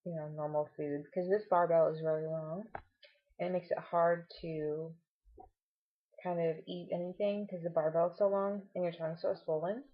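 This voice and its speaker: A woman with a lowish, husky voice talks casually to her viewers, explaining things and offering reassuring advice. Her tongue sounds swollen as she speaks. The recording is dull and muffled, like a lo-fi home video. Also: little pitch movement, normal speed. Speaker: vlogger. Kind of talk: casual personal update to camera.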